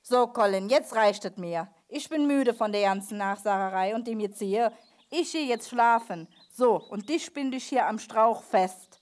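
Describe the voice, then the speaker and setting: A woman's voice: a little high, unhurried, darkish tone, natural voice. A woman puppeteer voicing a grumpy, bossy male dog catcher in a children's puppet show, with a scolding, indignant manner. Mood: annoyed.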